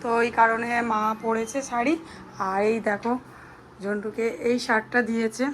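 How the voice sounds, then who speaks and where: A hoarse woman, chatting to viewers as she films her family at home. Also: fairly high pitch, flat delivery, moderate pace, a little hiss or hum. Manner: chatty, addressing viewers directly. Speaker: vlogger. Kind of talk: casual family vlog.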